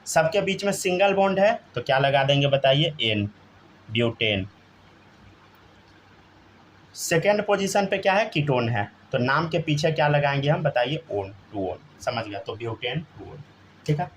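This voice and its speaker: A man's voice: medium pitch, animated, normal speed, a little hiss or hum. A man teaching a chemistry class, constantly prompting students to answer and checking they follow. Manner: keeps asking students to answer, often says "theek hai". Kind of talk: live classroom lesson.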